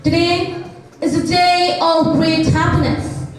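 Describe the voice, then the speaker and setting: A woman's voice: very high-pitched, little pitch movement, slow. A young female student delivering a formal speech in a declamation contest, with emphatic, dramatic oratory. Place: large echoey indoor hall, distant microphone. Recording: echoey hall from far off, music behind.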